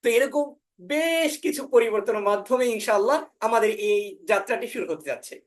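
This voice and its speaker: A woman from Bangladesh, giving an online orientation lecture as a spoken English teacher. She often pauses on "ah" fillers and says words over slowly to model how they are pronounced. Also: on the high side, lively intonation. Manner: demonstrates pronunciations by repeating words slowly.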